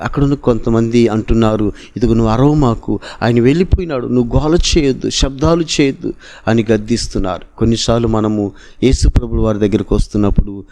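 A man's voice: on the low side, dark tone. A man preaching a sermon with a Telugu accent, retelling a Bible story in an earnest way that rises to emphatic exclamations.

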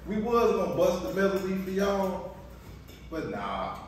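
Sitting high with big pitch swings and an unhurried pace, this man's voice jokes around to camera over breakfast as husband and co-host of a family vlog, frequently restarting his sentences. Expect roomy echo, a distant mic and faint noise.

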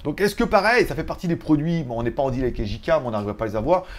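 A man's voice: fairly high pitch, expressive, racing. A man hosting a casual tech news vlog, rambling in a chatty way with joking asides. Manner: chatty, joking asides, laughs at own jokes.

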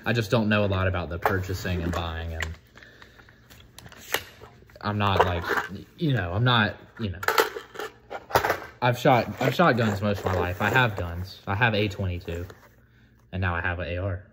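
An eighteen-year-old man from the United States chatting casually on a vlog, excitable, profane and rambling. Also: sits low, normal speed, long pauses, background noise. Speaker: vlogger.

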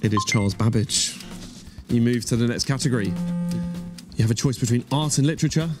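Over loud music on a studio stage, a British man in his thirties hosts a game show, projecting as he announces rounds and prizes. His voice sits at a medium pitch and moves fairly quickly.

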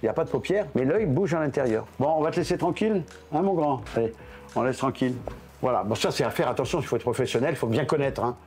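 A man in his seventies, a reptile keeper, giving a lively casual tour and coaxing his animals in a higher voice. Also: fast, soft background music. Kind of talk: casual guided explanation.

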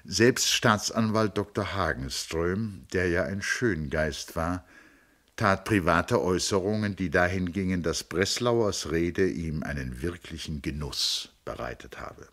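A man reading a classic novel aloud in a measured storytelling manner. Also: sits low, a bit bright. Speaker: audiobook reader. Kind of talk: audiobook narration of a classic novel.

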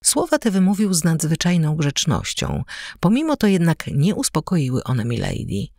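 Female audiobook narrator, lively varied pitch, dry close sound. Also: normal speed, dry recording. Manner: expressive, varied reading.

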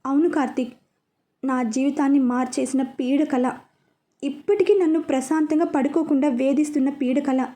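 Young wife, earnest and emotional, woman reading, high soft voice. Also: fairly even intonation, moderate pace, lightly acted. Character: young wife, haunted yet spirited.

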